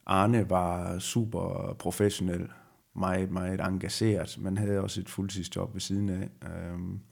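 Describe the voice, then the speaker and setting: A middle-aged man speaks in a deep, gravelly voice with a husky edge, recalling his racing years in a halting, reflective way. His pitch stays low and level throughout the conversation. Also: flat delivery. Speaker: retired rally driver as guest. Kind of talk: conversational interview.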